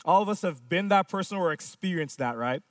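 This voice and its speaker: Expressive and fairly quick, a high-voiced male pastor delivers a sermon, repeating phrases and rapidly posing rhetorical questions to stress his points. He's recorded in a dry space with no echo, standing a little off and distant from the mic.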